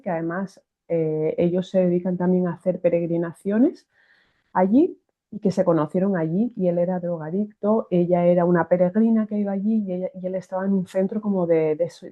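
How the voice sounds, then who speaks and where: A woman with a Spanish accent from Spain tells a personal faith testimony in a lively way, often restarting her phrases. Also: lowish voice. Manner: animated, restarts phrases, acts out quoted voices. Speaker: guest giving a faith testimony. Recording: tinny phone-like sound.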